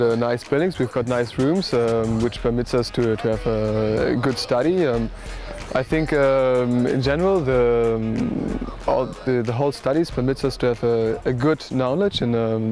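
A man's voice: mid-range voice, normal speed, a little mellow. Hesitant young man full of ums. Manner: hesitant, many restarts and ums. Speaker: medical student. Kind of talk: promotional testimonial to camera. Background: faint background music.

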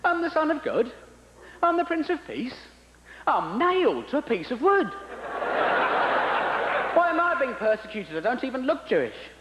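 A man's voice: extremely high pitch, wildly swooping pitch, moderate pace, pauses often, echoey room, in a large hall, lo-fi sound, background noise, pitched above the performer's own voice, full character voice. A man voicing Jesus as an indignant, self-pitying figure.

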